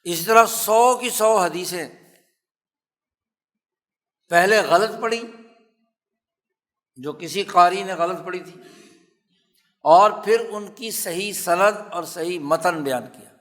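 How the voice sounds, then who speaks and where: A male religious scholar with a Pakistani Urdu accent delivers a formal lecture and tells his story slowly and deliberately. His voice sits somewhat high for a man, and he stresses key phrases by repeating them. He is recorded in a lecture hall with long reverb. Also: a bit bright. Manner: slow, measured storytelling with emphatic repetition. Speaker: religious scholar teaching hadith.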